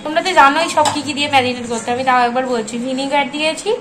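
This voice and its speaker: A woman from West Bengal, India, talks in a matter-of-fact way as she explains a dish in a home kitchen. Her voice is high. Faint noise hums behind her. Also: fast. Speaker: family member in a vlog. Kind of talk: casual home chat.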